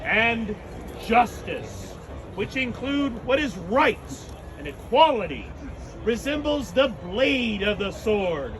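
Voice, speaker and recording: A man's voice: high-pitched, big pitch swings, slow, fairly bright tone, a little hiss or hum. A man giving a solemn, regal knighting recitation in formal ceremonial words, as the officiant.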